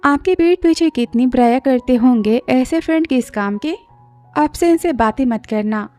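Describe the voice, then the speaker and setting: A woman voicing a cheeky, sharp-tongued young bride in a story retelling, speaking in a teasing, sassy way. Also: sits high, moderate pace, faint music behind, natural voice.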